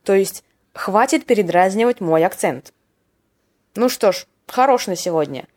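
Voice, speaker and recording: This Russian slang podcast host speaks in a mid-range, slightly mellow voice at a moderate, animated pace over slight background noise. She delivers wry scripted explanations of slang words, playfully performing brief example lines.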